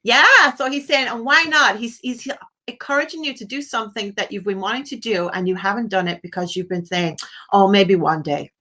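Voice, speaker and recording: Her voice sits in the middle range, with a moderate pace and a sharp edge. Hosting a live phone-in as a psychic medium, she is effusive toward her caller, full of endearments and blessings, and relays messages as quoted asides.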